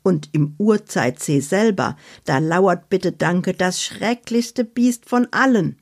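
A woman's voice: on the low side, animated, slow, a little mellow, exaggerated voice. A woman voicing a strong old jungle grandmother who keeps slipping a polite verbal tic into her warnings. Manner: repeats "bitte danke" as a verbal tic.

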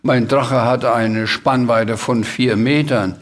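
A man's voice: mid-range voice, fairly even intonation, slow, lightly acted. A man reading aloud and voicing a cheeky, boastful little creature, the Sams, in a storybook. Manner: boastful, bossy.

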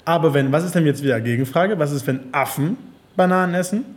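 A man's voice: on the high side, quick pace. A man chatting casually on a podcast, rambling with restarts and frequent laughs. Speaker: podcast host.

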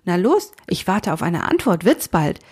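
A woman voicing a stern old busybody who scolds quickly and bossily in a storybook reading. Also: fairly low pitch, sing-song, darkish tone. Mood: scolding.

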